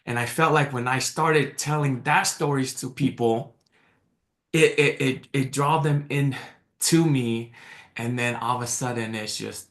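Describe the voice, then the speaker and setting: Speaking at a measured pace in a mid-range voice, a man from American Samoa whose native tongue is Tongan chats as a guest in a relaxed interview. His excitement shows in frequent restarts and repeated words, and the video-call audio carries a room echo.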